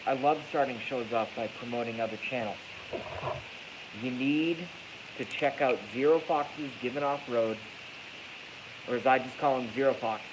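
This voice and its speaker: A congested man with a mid-range voice livestreams at a moderate pace, leaving long pauses over a noisy hiss. He's blunt and profane in a casual, rambling monologue, repeating phrases for emphasis, from an echoey garage at night on an iPhone that he moves closer mid-stream.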